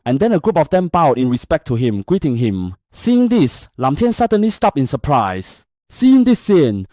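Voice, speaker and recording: A man's voice: fairly high pitch, a little mellow, dry recording. A man narrating a comic-style story recap in a scripted storytelling style.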